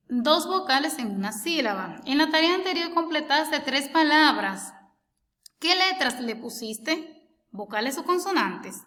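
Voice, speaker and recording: Bright-voiced woman teacher, patient. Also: fairly high pitch, big-room sound. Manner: patient, slows and stretches words when sounding them out; asks the listener rhetorical questions. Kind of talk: explaining homework lesson.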